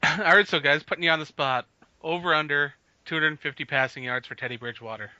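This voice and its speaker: A man's voice: on the high side, fast talker, sharp tone, no echo. A man co-hosting a casual sports podcast, leading the talk and laughing often. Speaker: podcast co-host. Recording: dull lo-fi podcast audio.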